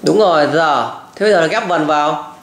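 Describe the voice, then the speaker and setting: A man's voice: a little high, fairly quick, creaky, slight background noise. Firm man drilling English pronunciation, echoey room. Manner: firm, repeating corrections and model words. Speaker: home English tutor to a child.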